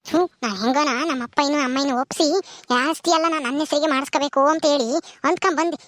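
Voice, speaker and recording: A woman's voice: high-pitched, steady tone, fast, a bit bright, no echo, clean studio sound. A woman voicing a spiteful scheming cartoon sister. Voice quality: mocking, scolding, theatrical sneer.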